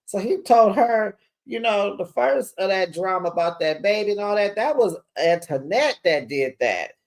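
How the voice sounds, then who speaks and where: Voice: medium pitch, lively intonation, normal speed. Sassy slang-heavy recap host. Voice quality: sassy, slangy, talks straight to viewers. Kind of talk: casual reality-TV recap.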